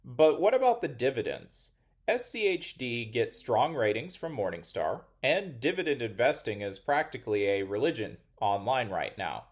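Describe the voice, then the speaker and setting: A man hosting an investing channel, giving measured, critical finance commentary in a scripted style. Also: medium pitch, sing-song.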